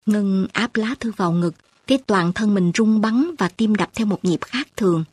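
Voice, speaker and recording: A woman narrating an audiobook with poetry, reading in a slow, lyrical, emotional way. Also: medium pitch, a little mellow, breathy edge, no room sound, studio quality.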